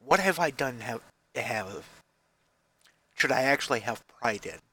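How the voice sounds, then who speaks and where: This forties-aged man vlogs from his basement through a headset microphone, sounding bright, forward, animated and medium in pitch, if a little slow and slightly rough. He keeps rambling, restarting and poking fun at himself with weary, wry candor, and the recording quality is low.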